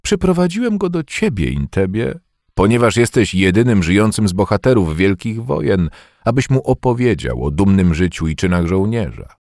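A man's voice: on the low side, very animated, moderate pace, a little mellow, no echo, clean studio sound. A man reading an audiobook, voicing a jovial, proud middle-aged father in a raised voice. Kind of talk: audiobook character voice.

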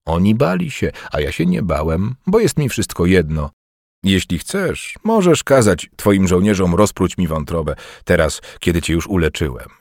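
A man giving an expressive first-person audiobook reading in a measured, theatrical storytelling manner. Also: deep voice, vocal fry, dry recording, studio quality. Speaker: audiobook narrator.

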